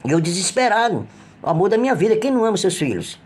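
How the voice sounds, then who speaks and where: A middle-aged man with a Brazilian Portuguese accent giving an emotional personal religious testimony, halting and earnest, with frequent restarts. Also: high voice, sing-song, a little mellow. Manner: halting, with repeated restarts and trailing phrases; earnest, pleading when retelling cries for help.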